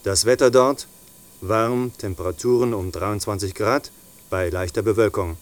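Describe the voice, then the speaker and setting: A man's voice: fairly low pitch, fairly even intonation, normal speed, natural voice. A man playing an airline captain who makes a formal, courteous scripted announcement to passengers in flight. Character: male airline captain making a cabin announcement. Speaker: voice actor in a listening exam.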